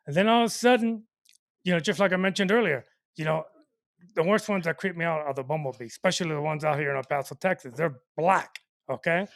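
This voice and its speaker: A man's voice: a little high, fast, vocal fry, dry recording. A man co-hosting a podcast, telling a funny story in a rambling way, chuckling and saying "you know what I mean" again and again. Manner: chuckles through his lines. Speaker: podcast co-host. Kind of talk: casual comedic storytelling.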